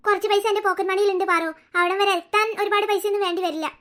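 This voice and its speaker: Woman playing a gentle cartoon big sister. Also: extremely high pitch, fairly even intonation, rapid-fire. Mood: reassuring. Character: earnest teenage girl, protective older sister. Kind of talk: cartoon voice acting.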